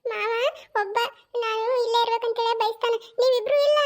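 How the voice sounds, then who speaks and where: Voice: extremely high pitch, steady tone, a little fast. A performer voicing a quarrelsome, accusing young daughter-in-law in a cartoon. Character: sulky, sharp-tongued young daughter-in-law.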